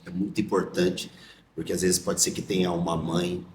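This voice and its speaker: A man with a Brazilian Portuguese accent, a pastor, speaking in a calm, affirming, preacherly way in a podcast conversation. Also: deep voice, moderate pace. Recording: roomy echo, faint noise.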